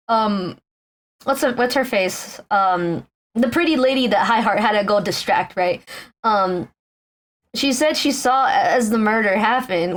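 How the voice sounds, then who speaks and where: A young woman casually commenting as she plays a story game, chatty and full of fillers. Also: on the high side. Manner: chatty, filler-heavy, reads characters aloud. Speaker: let's play streamer.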